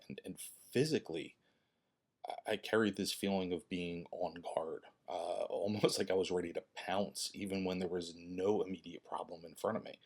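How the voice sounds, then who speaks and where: A man in his fifties talking to viewers in a personal vlog, earnest and halting, often restarting his words. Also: low-pitched. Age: 50s. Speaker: fitness channel creator and host.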